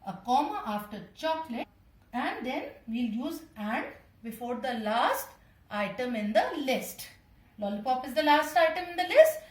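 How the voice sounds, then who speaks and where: A woman's voice: high voice, far from the mic. A woman with an Indian English accent, a primary school teacher patiently explaining punctuation to young children. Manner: patient, addresses children directly. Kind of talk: slow classroom explanation. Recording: echoey room, voice from off-mic.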